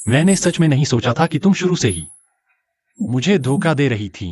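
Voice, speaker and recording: A man's voice: on the high side, very animated, moderate pace, a little mellow, a little hiss or hum. An actor playing a suspicious, angry husband who accuses his wife of cheating. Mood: hurt. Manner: accusing, agitated. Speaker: jealous husband.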